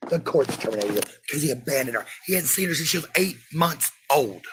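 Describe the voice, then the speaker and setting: Quick and expressive, this slightly high male voice rants angrily on his livestream over a noisy background. He's a parent who gets combative, swears a lot, and keeps repeating phrases to hammer them home.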